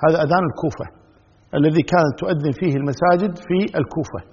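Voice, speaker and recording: A man explains a classical text in a steady lecture manner, often repeating himself. His husky voice sits a little high. The sound is muffled and lo-fi, with a long echo trailing behind each phrase. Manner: measured, repeats key phrases, recites formulas. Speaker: Islamic scholar teaching a fiqh text. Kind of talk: recorded religious lesson. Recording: dull lo-fi audio with long reverb.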